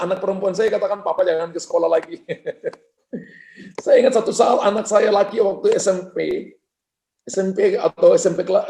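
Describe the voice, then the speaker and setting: High-voiced preaching pastor in echoey hall. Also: male voice, vocal fry. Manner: emphatic preaching with congregation call-and-response; lively storytelling with quoted dialogue. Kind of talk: sermon. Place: church hall.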